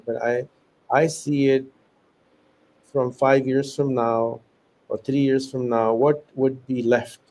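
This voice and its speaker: The recording is rough, carrying a mid-range, dark-toned male voice. It's a Pakistani education founder guesting on a podcast, whose non-native English leans American. He earnestly explains his ideas in a casual interview, working through examples with fillers and restarts.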